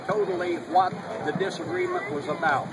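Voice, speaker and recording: A man narrating a historical reenactment in a formal, deliberate manner with old-fashioned phrasing, explaining things to an audience. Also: extremely high pitch, wildly swooping pitch, far from the mic, a loud crowd. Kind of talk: explaining to an audience, in period character. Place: outdoors at a public event. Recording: noisy outdoor recording with loud ambient noise.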